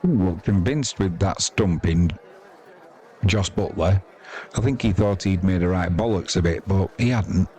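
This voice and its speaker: An English cricket commentator and stream host offers chatty, informal live commentary full of wry, colloquial asides. His deep voice is unhurried and mellow, and stadium crowd noise sits behind him.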